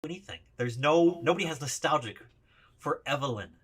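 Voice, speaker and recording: A man's voice: fairly high pitch, fairly quick, a bit bright, husky. A man in a played video ranking trading cards, plain-spoken and opinionated, with some hesitant restarts. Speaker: card reviewer in a played video. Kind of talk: casual ranking commentary.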